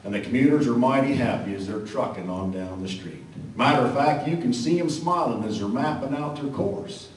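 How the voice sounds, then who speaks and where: A man's voice: mid-range voice, a little fast, few pauses. A man with a Western American cowboy twang reciting cowboy poetry to a live audience in a folksy, drawling way with dry humor. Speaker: cowboy poet. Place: large echoey room with a live audience. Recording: echoey hall from far off, faint noise.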